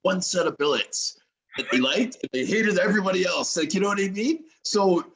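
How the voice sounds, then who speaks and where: A man's voice: sits high, expressive, fairly quick, a bit bright, low-quality recording. A man hosting a podcast, interviewing his guest in a chummy, casual way. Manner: chummy, calls the guest buddy and brother. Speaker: podcast host.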